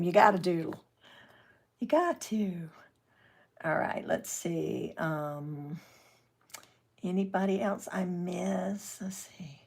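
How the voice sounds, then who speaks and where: An older woman with a low, gravelly voice, chatting casually through a live craft demonstration. She works at her table and reads out viewer comments as they come in. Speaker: craft channel host.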